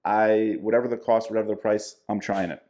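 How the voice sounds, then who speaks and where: A man's voice: lowish voice, level tone, fairly quick, darkish tone. A man co-hosting a casual diet podcast, giving plain-spoken practical advice. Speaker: podcast co-host, diet coach.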